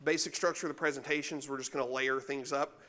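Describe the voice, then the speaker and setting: A man's voice: mid-range voice, steady tone, fast talker, pushed and bright. Casual man giving a tech meetup talk. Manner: casual, self-deprecating, chatty with the audience. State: allergies, chewing gum to hold off coughing. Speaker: guest speaker. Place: meetup room with a live audience.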